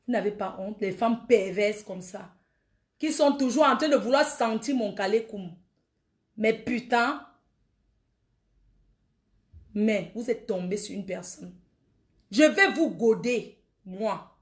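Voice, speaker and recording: A woman's voice: medium pitch, animated, slow pace, pauses often. A woman, ranting defiantly and taunting her critics on a Facebook live video. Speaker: social media livestreamer.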